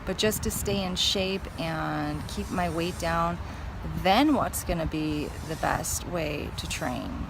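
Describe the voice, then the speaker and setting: A woman chatting casually to viewers as a fitness vlogger, thinking aloud in a hesitant, musing way. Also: fairly low pitch. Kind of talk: casual vlog chat to camera. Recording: clear vehicle and outdoor noise.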